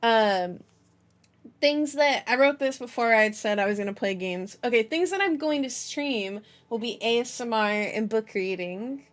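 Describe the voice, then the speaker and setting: A young woman VTuber and channel host chats in a playful, silly, giggly way full of cutesy slang, as if kicking off a livestream. Her voice is a little high, and she speaks at normal speed.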